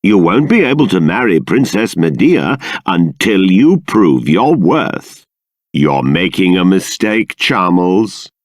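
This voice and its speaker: An actor playing a stately, stern middle-aged king and exasperated father in a fantasy video game, speaking in a formal, deliberate, emphatic manner. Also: deep voice, sing-song, no echo, clean studio sound, heavily acted. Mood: angry, exasperated. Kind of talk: theatrical fantasy game voice acting.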